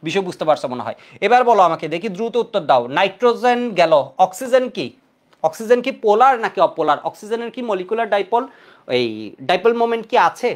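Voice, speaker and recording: A man's voice: sits high, animated, quick pace. A man with a Bangladeshi Bengali accent teaching chemistry in an online class, quizzing students with repeated questions.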